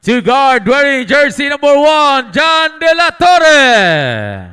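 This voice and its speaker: A man announces in a sports arena with a very high, ringing voice. He works like a fighting game announcer, swooping through drawn-out, shouted calls with showman flair. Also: big pitch swings. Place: large indoor basketball arena over PA.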